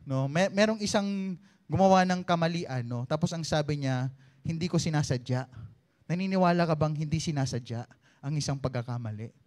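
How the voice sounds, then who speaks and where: A young Filipino man gives a Sunday sermon in a light, fairly high voice. He talks to the congregation like a friend, asking "no?" again and again and getting people to turn to their neighbor. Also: a little fast, darkish tone. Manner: conversational, keeps asking "no?" and prompting the congregation. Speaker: preacher.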